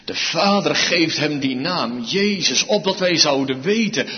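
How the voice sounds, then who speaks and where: Slow, emphatic preacher in a reverberant church. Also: male voice, expressive. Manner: slow, emphatic preaching with wide swings in pitch and loudness. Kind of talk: sermon. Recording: dull sound with long reverb, church hall.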